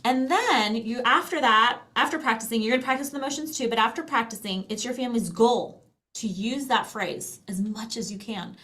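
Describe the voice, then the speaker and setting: A middle-aged American woman with a slightly high voice and a fairly bright tone explains a language program at a moderate pace. She is the program's presenter and a guest, and her casual, chatty manner is encouraging, as in a relaxed product demonstration.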